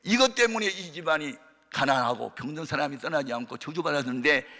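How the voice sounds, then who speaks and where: A man preaching as a pastor, telling a testimony sermon with dramatic storytelling, acting out voices and shouting at the peaks. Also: on the high side, expressive, a little fast. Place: church hall of a prayer retreat. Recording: reverberant large hall.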